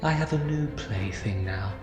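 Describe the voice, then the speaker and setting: A man playing a gloating, menacing alien tyrant in an audio drama, taunting and theatrical, often dropping toward a breathy whisper. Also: fairly low pitch, animated, measured pace. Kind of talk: fan audio drama acting. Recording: echoey, long reverb, music underneath.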